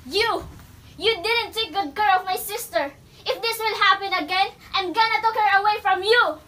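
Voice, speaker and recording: A young woman playing a bossy, protective younger sister in a student film, talking in a sharp, scolding way. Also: sits high, steady tone, fast, recorded from a distance, slight background noise, natural voice. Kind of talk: amateur student film acting.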